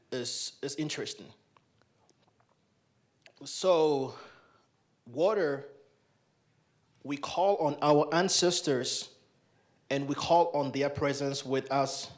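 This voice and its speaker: A young Ghanaian man, his voice a little high, conducts a libation ceremony in a large hall. Speaking into a handheld microphone, he gives solemn, repeated invocations in a ceremonial address.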